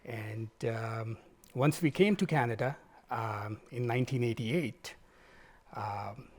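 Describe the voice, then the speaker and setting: Man, 40s, political candidate, measured formal storytelling, mid pitch. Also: darkish tone. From Pakistan. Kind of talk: interview answers.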